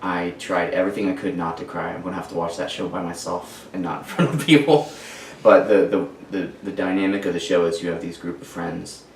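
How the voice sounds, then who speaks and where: As a guest on a podcast, a twenty-something man shares his own story, pausing and groping for the right words. He speaks low and was recorded at a distance from the microphone in a room full of echo, with a little background noise.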